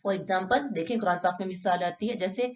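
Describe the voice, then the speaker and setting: A woman's voice: on the low side, a little fast, highs cut off. A woman teaching Quran recitation step by step, asking and answering her own questions and drawing out sample syllables.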